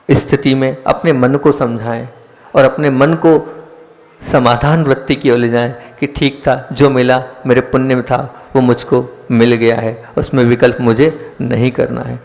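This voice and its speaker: A man's voice: medium pitch, gravelly. A man, a Jain monk, giving an earnest sermon, repeating key lines and asking his listeners rhetorical questions. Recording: long hall reverb.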